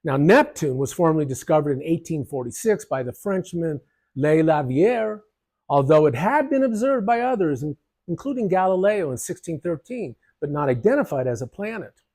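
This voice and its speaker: A man narrating a history lesson over slides, his voice sitting a little high and swinging widely as he explains. He keeps it light, tossing in jokes and casual asides between points. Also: moderate pace, slightly rough. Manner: lively, jokey explanations with asides. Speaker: history channel presenter.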